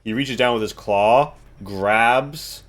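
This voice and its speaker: A man improvising descriptive, somewhat halting narration as the game master of a tabletop game. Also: mid-range voice, a bit bright.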